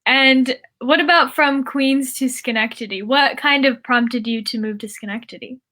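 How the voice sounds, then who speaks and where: Bright-voiced young woman hosting an interview. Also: sits high, moderate pace. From United States. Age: young adult. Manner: chatty, upbeat, with frequent fillers and laughs. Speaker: interview host. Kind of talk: casual interview.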